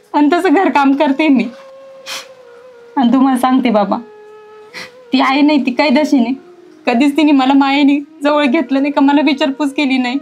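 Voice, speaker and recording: A woman's voice: high-pitched, darkish tone, muffled recording, lightly acted. A woman playing a crying mistreated stepdaughter. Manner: tearful, pleading. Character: mistreated young village stepdaughter, heartbroken. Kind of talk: village drama acting.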